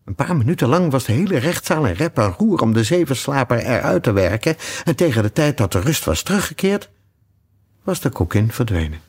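A man reading a children's classic aloud with lively, expressive narration. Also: mid-range voice, fairly quick, breathy edge. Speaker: audiobook reader. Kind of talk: storybook reading.

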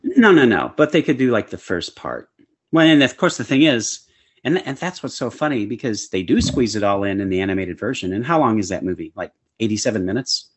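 Co-hosting a casual podcast about comic book films, a man sounds upbeat and chuckles as he talks. His husky voice is on the low side, very animated, and a little fast.

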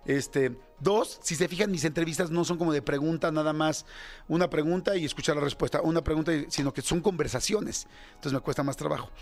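A man in his fifties with a Mexican Spanish accent, hosting a radio show in a candid, self-critical casual monologue full of fillers. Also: on the high side. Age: 50s. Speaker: radio host.

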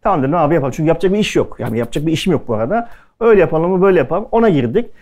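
A man's voice: on the high side, lively intonation, rapid-fire, darkish tone, dull audio. A man speaking at a culinary event, telling stories casually to the audience and acting out the lines of the people in them. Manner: chatty anecdotal delivery, acting out quoted dialogue. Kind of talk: casual storytelling talk to an audience.

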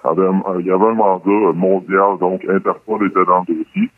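Guy on the phone, voice disguised way down low, quebec accent, tinny dry line. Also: fairly even intonation, fairly quick, dry recording. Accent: Quebec French. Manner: hesitant, many fillers. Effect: voice disguised, electronically lowered. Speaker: caller. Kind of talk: casual phone call to a radio show.

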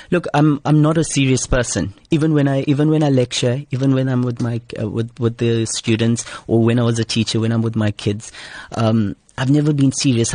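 A man with a South African Indian accent, a comedian and actor being interviewed, answers questions earnestly and emphatically in a conversational way. His voice is medium-pitched and dark in tone, with no room sound.

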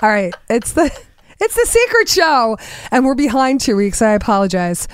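Chatty lady radio host, laughs a lot, kinda high voice, dry mic. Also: sing-song, moderate pace, clear, resonant tone, no echo. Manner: chatty, self-deprecating, laughs often. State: recovering from a virus. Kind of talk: casual radio chat.

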